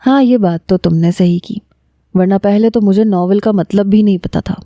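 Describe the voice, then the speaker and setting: A lovestruck young woman who talks openly and warmly about her feelings, in a dark, mellow voice, read aloud by a woman narrator. The sound is dry and close. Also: medium pitch, no echo, dull audio, natural voice. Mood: smiling. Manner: smiling, candid.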